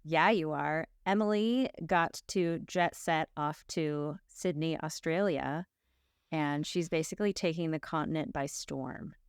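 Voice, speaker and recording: A woman co-hosting a podcast, upbeat and teasing, reacting quickly to her co-host. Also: low-pitched, clear, resonant tone, no echo, clean studio sound. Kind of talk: casual podcast chat.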